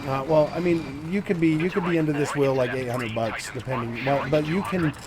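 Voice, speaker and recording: A gaming channel host in his forties talks a little fast in a slightly high voice while playing a racing game. His casual commentary rambles with fillers, and a crowd can be heard along with the engine sounds.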